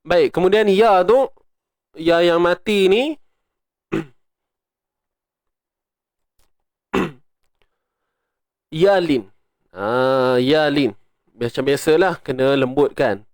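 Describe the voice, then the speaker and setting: A man with a Malaysian Malay accent leads a recitation lesson, walking through each rule step by step and breaking into chanted verses. His voice is smooth and fairly high for a man. The sound is close and dry. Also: extremely slow, pauses often, a little mellow, no room sound. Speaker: Quran recitation teacher.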